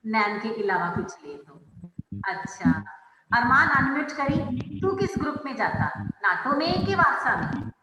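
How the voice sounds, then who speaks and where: A woman teacher running an online class, speaking slowly and stretching out her English phrases as she calls on students by name. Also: high-pitched, sing-song, very noisy. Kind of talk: online class lesson, mixing Hindi and English. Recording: echoey room with long reverb.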